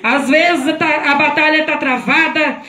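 A woman's voice: sits high, measured pace, sharp tone. A woman preaching at a home worship service, fervent and full of hallelujahs, speaking into a handheld mic. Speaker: hostess giving a short sermon. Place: small room in a house, home service. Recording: roomy echo, phone camera far off.

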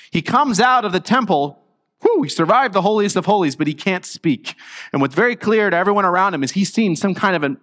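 In the large hall of a church sanctuary, a middle-aged pastor with a high, somewhat bright voice delivers an earnest, conversational sermon with restarts. His voice comes back after having been lost.

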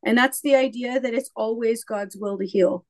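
A woman co-hosting a casual talk on faith, chatting freely and repeating words as she finds her point. Her voice sits a bit higher than most women's. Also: normal speed, a little mellow. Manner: conversational, with hesitant repeats. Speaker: podcast co-host. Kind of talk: casual theological discussion.

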